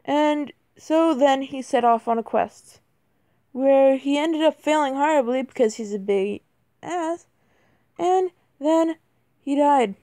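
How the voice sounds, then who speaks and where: This gamer's voice sits high, with a dark tone and a slow pace, recorded at studio quality with no room sound. She gives casual mobile gameplay commentary, flustered and self-deprecating, her voice cracking while she keeps saying "bro" and "like."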